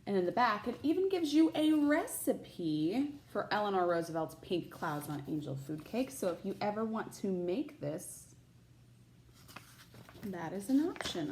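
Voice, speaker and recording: A female teacher reads a children's picture book aloud with plenty of expression, adding short asides to her listeners. Her voice is medium in pitch.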